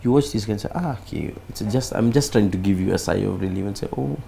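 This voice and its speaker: A Kenyan man with a Kenyan accent, a comedian chatting in an interview, animated and mixing in Swahili. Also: on the low side, fast talker, creaky, a little hiss or hum. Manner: animated, mixes Swahili, acts out quoted voices. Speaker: comedian guest. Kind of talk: casual interview chat.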